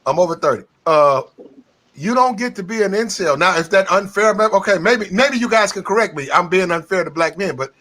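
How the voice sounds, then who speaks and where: A man in his thirties debates on a casual panel, tripping over his words and excitedly holding the floor. His voice is very high for a man. It is also sharp and bright. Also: a little fast. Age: 30s. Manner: stammering, excitable, keeps saying hold on.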